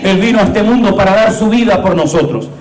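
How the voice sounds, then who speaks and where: A middle-aged male pastor preaching a sermon in a church, fervent, moving between hushed and exclaiming passages. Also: high-pitched, fairly quick, roomy sound, rough recording.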